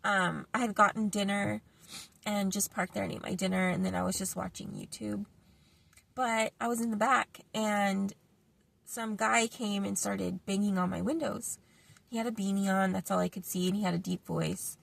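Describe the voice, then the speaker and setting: A woman's voice: mid-range voice, fairly even intonation, moderate pace, creaky, no echo. A middle-aged woman talking through a casual vlog monologue, rambling with many fillers and restarts. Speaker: vlogger. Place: parked car.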